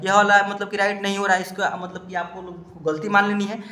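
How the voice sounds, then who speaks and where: A man teaching students to read English spellings, spelling each word out slowly and asking if they understood. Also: high-pitched, little pitch movement, sharp tone. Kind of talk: explaining a lesson to students. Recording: echoey room.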